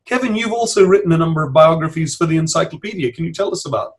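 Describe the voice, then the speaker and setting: A man moderating a panel discussion, speaking in a measured way and inviting guests to share. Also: on the high side, lively intonation.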